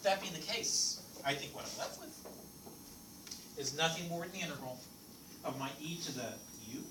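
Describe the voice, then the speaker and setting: At a normal speed, a French-native math teacher lectures playfully and with energy, his pitch rising and falling as he fires questions at the class. The distant recording picks up classroom echo and a steady noise beneath him.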